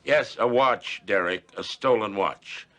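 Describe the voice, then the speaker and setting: A gruff, bossy old prosecutor. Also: male voice, lowish voice, a little slow, a bit bright. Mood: commanding. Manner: exasperated, curt, bossy. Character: veteran district attorney, older man, gruff and imperious. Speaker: district attorney.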